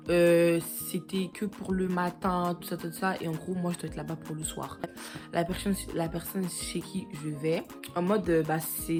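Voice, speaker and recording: A young woman chatting casually in a vlog, rambling with many fillers and restarts. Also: lowish voice. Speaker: vlogger.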